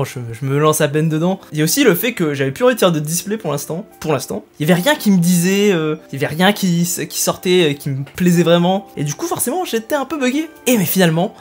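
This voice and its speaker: A young man chatting casually to his viewers, self-mocking and hesitant with many fillers. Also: on the high side. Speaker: youtuber. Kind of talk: casual vlog talk to viewers.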